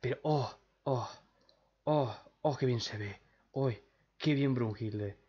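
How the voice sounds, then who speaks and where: A young man, reacting to a trailer late at night, excitable and swearing while trying to keep quiet. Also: mid-range voice, slow pace, husky, dull audio. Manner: excitable, swearing, holding back shouts. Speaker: reaction channel host.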